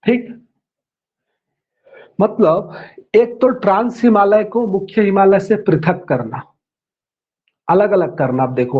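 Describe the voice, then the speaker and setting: A man with a fairly high voice gives a classroom lecture. He repeats each term slowly and spells it out, then checks with his listeners before going on. The sound is dull and lo-fi, like a low-grade online class recording. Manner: checks in with "है ना" and "ठीक है". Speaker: teacher.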